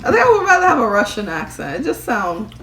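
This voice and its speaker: A woman's voice: on the high side, wildly swooping pitch, fast talker. A young woman chatting candidly and casually in a vlog. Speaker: vlogger. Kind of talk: casual chat. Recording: roomy echo with crowd noise.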